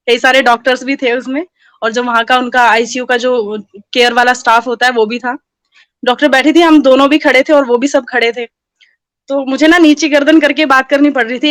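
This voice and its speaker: A woman's voice: sits high, no room sound. A woman telling a personal story in casual conversation and acting out the dialogue as she goes. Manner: animated, acts out quoted dialogue.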